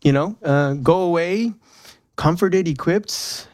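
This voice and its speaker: A man's voice: fairly high pitch, slow pace, a little mellow, no echo. Joking male radio host, dry sound. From Southern California. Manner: jokey, playful teasing. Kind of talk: casual radio chat. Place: radio studio.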